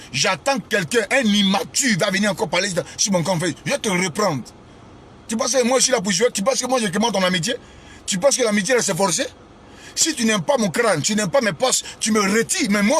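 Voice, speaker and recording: Fiery preacher, high bright voice. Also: male voice, slight background noise. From Côte d'Ivoire. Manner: fiery, scolding, hammers repeated phrases. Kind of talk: impassioned social media address.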